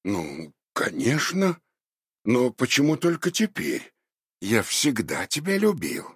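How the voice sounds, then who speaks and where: A man voicing a kind, poor old father who speaks softly and soothingly. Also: a little high, expressive, moderate pace, slightly rough, dry recording, clean studio sound, voice pushed up. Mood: tender. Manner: soft, soothing, pleading.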